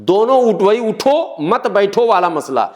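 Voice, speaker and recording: High-voiced man explaining earnestly. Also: lively intonation, measured pace. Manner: earnest, explaining with repeated phrases. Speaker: interview guest. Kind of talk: political interview talk.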